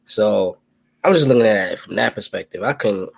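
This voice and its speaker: A man in his twenties talks in a lowish voice that sounds close and dry. He chats on a podcast in a slangy, lively way and keeps throwing in "yo". His delivery is casual and emphatic. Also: moderate pace, gravelly, husky, no room sound. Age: 20s. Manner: slangy, animated, keeps saying "yo" and "you know what I'm saying". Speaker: podcast co-host. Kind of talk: casual chat.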